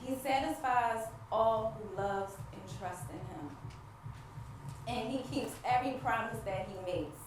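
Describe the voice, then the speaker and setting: Heard from a distance in a very echoey hall with faint noise, a high-voiced woman speaks naturally. She is an actress on stage in a large room playing a devout wife, anguished yet hopeful, pleading through an emphatic theatrical monologue to the audience with dramatic pauses.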